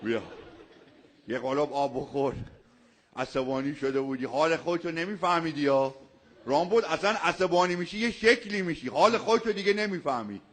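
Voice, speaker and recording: Comic puppet, male, pushy and mock-offended, slightly high voice; a man performing it. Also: lightly acted. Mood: coaxing. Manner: mock-offended, loud threats, exaggerated affection. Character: cheeky boisterous male puppet, pushy and teasing. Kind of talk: comedy sketch banter.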